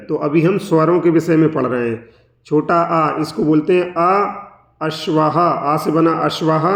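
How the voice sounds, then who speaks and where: A man with a fairly high voice teaches at a very slow, deliberate pace, sounding out each sound and word with care. The recording is roomy and a little dull. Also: creaky. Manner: slow, careful pronunciation drill. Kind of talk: classroom lesson.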